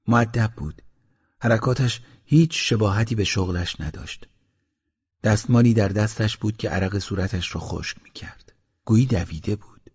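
A man reading a story aloud as an audiobook narrator, in a measured, reflective way. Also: on the low side, a little mellow, breathy edge, lo-fi sound.

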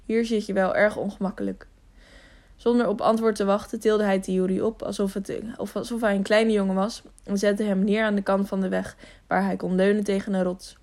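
Audiobook narrator, woman, gravelly mid-pitched voice, steady storytelling read. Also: a little fast, few pauses. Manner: steady reading with occasional self-corrections. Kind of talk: scripted narration of a children's adventure novel.

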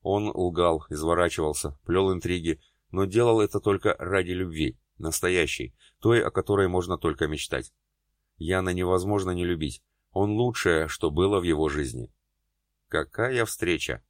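A man reading a novel aloud as narrator, in a steady dramatic delivery that carries both the narration and the characters' lines. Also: sits low, normal speed, dry recording, studio quality. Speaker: audiobook narrator. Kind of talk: scripted narration.

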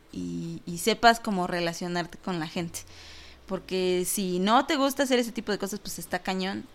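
A woman's voice: medium pitch, fairly bright tone. A woman with a Mexican accent hosting an online talk show, chatting casually and jokingly as she reads out listener comments. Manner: chatty and joking, lots of fillers and laughter.

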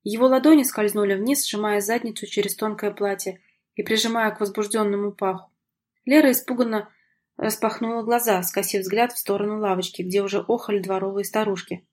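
Husky woman narrating an audiobook. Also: medium pitch, fairly even intonation, brisk, a little mellow. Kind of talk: scripted narration.

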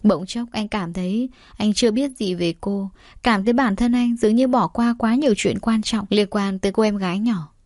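A woman reads a story aloud at a steady, even pace, her voice set in a middle register. The recording is dry and close, with no room sound. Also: medium pitch, moderate pace, no echo. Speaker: narrator. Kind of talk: audiobook narration.

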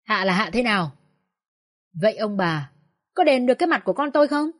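A woman voicing a furious older village woman who shouts and curses shrilly. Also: medium pitch, animated, normal speed, husky, no echo, studio quality. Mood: shrill wailing.

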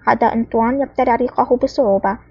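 A woman narrating a spy novel aloud in a brisk, even reading. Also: fairly high pitch, slightly rough, no room sound, dull audio. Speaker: audiobook narrator.

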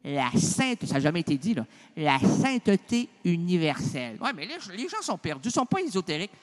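A middle-aged radio host from Quebec, with a Québécois French accent, speaks briskly in a high-pitched, very animated voice. His improvised banter is theatrical and playful, jumping between registers.

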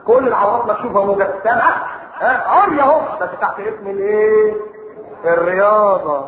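A man preaching in colloquial Egyptian Arabic, animated and mocking, acting out little dialogues with his audience. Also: high voice. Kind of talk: colloquial sermon. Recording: echoey hall, thin phone-like sound, faint noise.

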